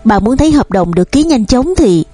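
A hot-headed, jealous young son who answers back and shouts, voiced by a woman. The voice is mellow and husky, with faint music behind it. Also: a little high, animated, a little fast, dry recording. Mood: defiant. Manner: defiant, shouting.

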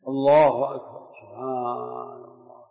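Old sheikh teaching, flat gravelly voice, quiet asides, tinny and echoey. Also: male voice, mid-range voice, normal speed. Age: older. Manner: interrupts the reader with short questions, then explains quietly. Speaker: sheikh teaching Quran commentary. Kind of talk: live classroom commentary. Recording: phone-like tinny sound in an echoey lecture hall.

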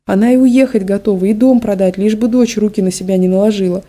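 Woman narrator, storytelling, calm measured read, dark mellow tone. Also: medium pitch. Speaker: audiobook narrator.

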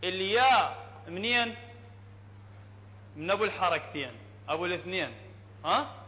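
A man with an Iraqi Arabic accent teaching Quran recitation to a class, explaining plainly, checking often with his students and chanting verses slowly. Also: sits high, animated. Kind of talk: classroom tajweed lesson. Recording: dull lo-fi hall recording, faint hum.

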